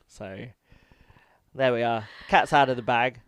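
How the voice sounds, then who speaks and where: A man's voice: mid-range voice, a little slow, fairly bright tone, smooth, no echo. An English man co-hosting a podcast, bantering in a joking, self-deprecating way. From England. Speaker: podcast co-host. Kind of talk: casual podcast chat.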